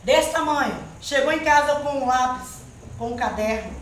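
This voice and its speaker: A woman whose voice sits high speaks at a moderate pace, giving an earnest testimony to a church congregation and often appealing to the Lord and the brethren. Slight background noise accompanies the far-off mic in the very echoey hall.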